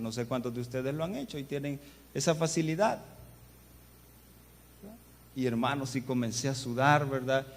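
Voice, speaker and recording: A man, a guest pastor preaching a sermon and telling stories while often addressing the congregation. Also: medium pitch. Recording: long church reverb, faint background noise.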